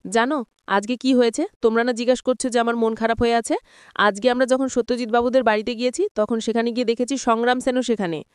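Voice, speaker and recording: Woman doing an angry young man, accusing, smooth voice, dry close sound. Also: fairly high pitch, steady tone, fast talker, no room sound, lightly acted. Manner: heated, accusing. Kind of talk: storybook retelling of a TV serial.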